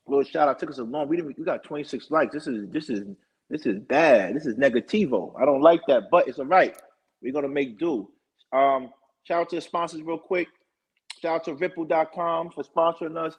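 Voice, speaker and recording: A man hosting his own live talk show, rambling through shout-outs and sponsor plugs in casual chat. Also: on the high side, breathy edge. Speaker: show host. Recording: dull lo-fi stream audio.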